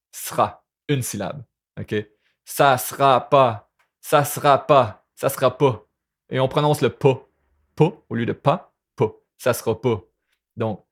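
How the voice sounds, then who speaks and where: A man with a Québécois French accent teaching a lesson, breaking down rap lyrics line by line and repeating words to show pronunciation. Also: medium pitch. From Quebec.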